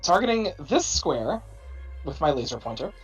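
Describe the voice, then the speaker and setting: A woman's voice: low voice, very animated, moderate pace, slightly rough, faint music behind, rough recording. A woman talking casually through her moves as a player in a tabletop game.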